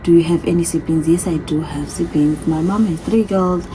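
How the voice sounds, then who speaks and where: Here the same sort of phone-recorded Q&A vlog comes from a woman in her thirties from a different continent, her voice on the low side and steady at a moderate pace. The background is noisy as she reads questions aloud, chats and often repeats her answers.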